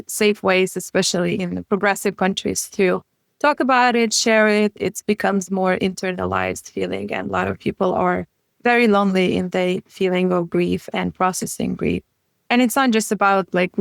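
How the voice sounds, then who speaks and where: A Ukrainian woman in her thirties who isn't an English speaker chats casually in an interview as a guest grief coach. She's earnest, often drops articles, and says "you know" and "like" a lot. Her mid-range voice is creaky, recorded with clean studio sound and no echo.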